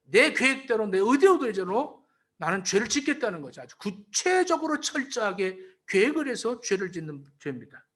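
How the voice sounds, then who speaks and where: A male pastor preaches with a high-pitched voice for a man that swings widely up and down. He drives each point home by restating it again and again, now and then calling out to the congregation. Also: sing-song, normal speed, fairly bright tone. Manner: emphatic, repeats key phrases to explain them; calls out to the congregation. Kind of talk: sermon.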